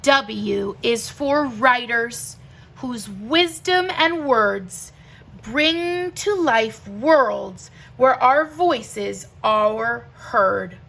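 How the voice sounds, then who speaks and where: A woman reads a rhyming children's picture book aloud the way a teacher would, with expressive, deliberate, emphatic phrasing. Her voice is a little high and gravelly.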